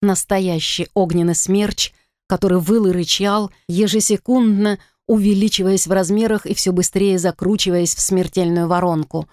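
A woman narrating a first-person fantasy audiobook in an expressive, dramatic reading. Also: mid-range voice, normal speed, no echo, studio quality.

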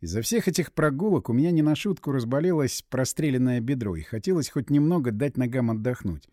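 A man narrating a first-person adventure audiobook in a brisk, expressive storytelling manner. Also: mid-range voice, no echo, clean studio sound.

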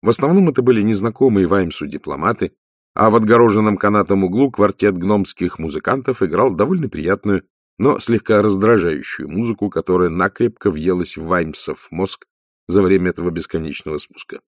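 Low, gravelly male narrator for an audiobook, measured and unhurried, close dry sound. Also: no room sound. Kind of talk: audiobook reading.

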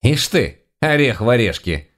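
Man doing a shrill scolding old witch. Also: big pitch swings, normal speed, lightly acted. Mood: mocking. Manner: scolding, folksy old-woman speech. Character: feisty cunning old witch woman, sharp-tongued.

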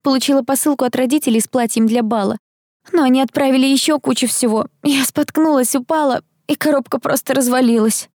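A woman's voice: high voice, fairly even intonation, fast, darkish tone, dry recording, studio quality, pitched above the performer's own voice. A woman voicing a chatty, spoiled, dreamy young female student in an audiobook. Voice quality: bubbly, talkative. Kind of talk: audiobook character voice.

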